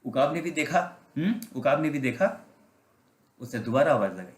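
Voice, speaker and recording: A male pastor tells a parable as a sermon. His voice sits in an ordinary middle pitch. He keeps asking his congregation questions and slips in English phrases, and the room gives his voice a clear echo. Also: expressive, moderate pace. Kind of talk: storytelling sermon. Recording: roomy, echoey sound.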